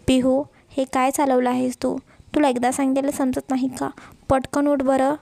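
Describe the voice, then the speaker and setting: Woman doing a firm young husband in a storybook, high gravelly voice, warm tone, dry sound. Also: flat delivery, moderate pace, dry recording. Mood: scolding. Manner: firm, scolding then tender. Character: stern caring young husband.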